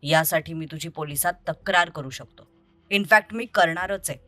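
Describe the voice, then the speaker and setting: A woman's voice: deep voice, moderate pace, sharp tone, no room sound, faint music behind, voice pushed down. Woman voicing a bitter, accusing young man. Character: angry young man confronting a deceitful ex-lover. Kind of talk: audio story reading.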